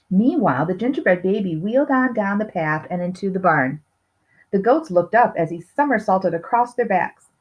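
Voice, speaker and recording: A woman with a mid-range, slightly breathy voice reads a children's storybook aloud with expression, adding little asides to her listeners. The recording sounds a bit dull and lo-fi.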